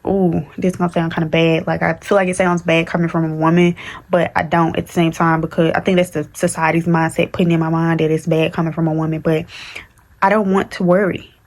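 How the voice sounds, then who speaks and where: This twenty-something woman vlogs casually to camera, speaking a little fast and candidly, with plenty of fillers and false starts as she rambles. Her pitch sits low and barely moves.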